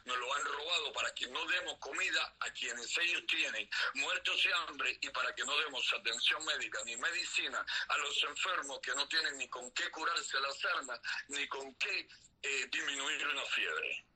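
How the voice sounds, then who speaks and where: A Cuban man speaking earnestly in a phone interview, stopping often on small fillers. His voice is very bright and thin, with a husky edge, and it comes through a tinny phone line. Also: medium pitch. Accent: Cuban Spanish. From Cuba. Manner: earnest, halting with many fillers. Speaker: activist leader interviewed.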